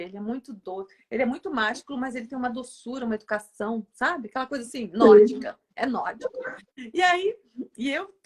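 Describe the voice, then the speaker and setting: A woman telling a personal story as a guest in a casual, spiritual chat. She talks in an animated way and laughs often. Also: high-pitched, a little hiss or hum.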